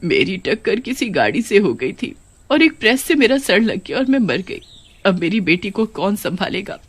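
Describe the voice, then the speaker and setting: A woman's voice: medium pitch, very animated, moderate pace, husky. A woman voicing a widowed mother who has become a witch ghost in a cartoon, speaking in a lamenting, emotional way. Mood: desperate.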